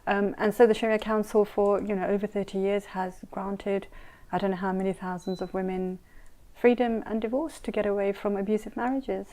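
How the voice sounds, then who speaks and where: A woman's voice: medium pitch, flat delivery, fairly quick, dark tone. A middle-aged woman scholar and mediator, born in Saudi Arabia and raised in Kenya and London, answering interview questions in an earnest, emphatic way and repeating points for stress.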